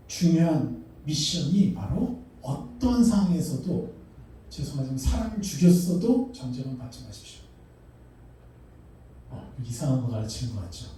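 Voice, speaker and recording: Middle-aged pastor preaching to his congregation; mellow, slightly high voice heard from afar in a reverberant church hall. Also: measured pace, pauses often, a little hiss or hum. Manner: animated preaching, asks the congregation questions, acts out voices. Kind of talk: sermon. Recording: echoey hall, mic far off.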